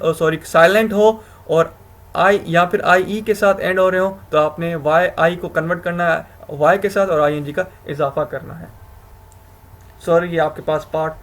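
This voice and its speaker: Male grammar teacher, slightly high-pitched, talks through rules with frequent self-corrections. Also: a bit bright. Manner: explains step by step, asks himself questions, self-corrects with "sorry". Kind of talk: recorded video lecture.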